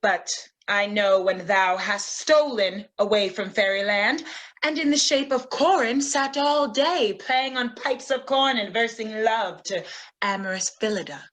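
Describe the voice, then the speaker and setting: A woman's voice: mid-range voice, measured pace, fairly bright tone, lightly acted. A woman playing a proud, defiant fairy queen in a hammy, declamatory Shakespearean stage style. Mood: scornful, mocking. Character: proud, defiant fairy queen, scornful of her jealous husband.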